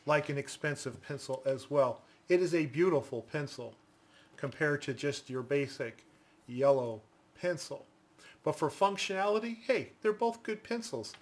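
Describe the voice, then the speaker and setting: A man giving a casual product review in a deliberate, explanatory manner. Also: a little high, lively intonation.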